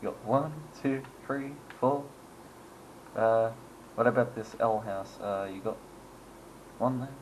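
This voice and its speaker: A man's voice: lowish voice, slow pace, long pauses, a little hiss or hum, low-quality recording. A man giving casual, rambling gameplay commentary, chuckling and making self-deprecating asides as he goes. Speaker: gaming channel host.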